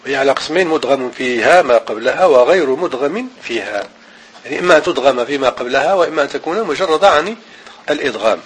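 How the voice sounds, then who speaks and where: A man teaching an Arabic grammar and Quran reading lesson, repeating each rule slowly and chanting the verses he quotes. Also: medium pitch, lively intonation, a little hiss or hum, poor audio.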